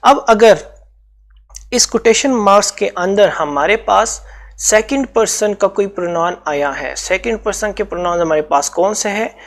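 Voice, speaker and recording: A man's voice: high voice, a little slow. A man with a Pakistani accent teaching a grammar lesson for exam preparation, explaining step by step and repeating key points.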